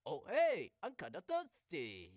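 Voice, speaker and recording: A man's voice: fairly high pitch, wildly swooping pitch, unhurried. A man voicing a frazzled young male band manager in a fan-made cartoon animatic, talking in a jittery, stammering way. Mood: flustered.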